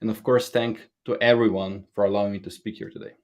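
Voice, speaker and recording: A man's voice: lowish voice, fairly even intonation, quick pace. A man, giving an earnest, slightly nervous prepared talk at a conference. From Slovenia. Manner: earnest, a bit nervous, grammar slips. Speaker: conference speaker.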